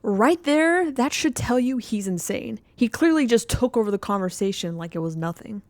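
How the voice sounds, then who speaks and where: A woman's voice: fairly high pitch, animated, moderate pace, a little mellow, dry recording. A woman giving casual, enthusiastic fan commentary as a video host reacting to game audio.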